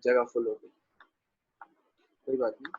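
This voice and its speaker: A man teaching a pronunciation lesson online, patiently repeating words slowly and checking in with students by name. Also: medium pitch, level tone, darkish tone, breathy edge, no echo. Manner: patient, repeats words slowly to model pronunciation, says 'theek hai' often; addresses students by name, answering their questions. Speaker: Gurbani grammar teacher. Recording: dull dry lo-fi audio.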